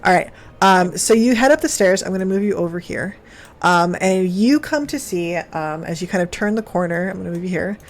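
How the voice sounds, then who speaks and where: A woman's voice: fairly low pitch, expressive, fairly quick. A woman running a tabletop game as game master, narrating in a rambling way with fillers and self-corrections.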